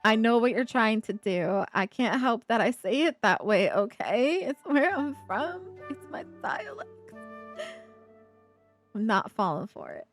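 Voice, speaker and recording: A woman from Ohio with a slight Appalachian accent and a slight speech impediment, chatting casually with viewers while she builds, playful and quick to laugh. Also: fairly high pitch, very animated, soft background music. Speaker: streamer. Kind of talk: casual live-stream chat while building.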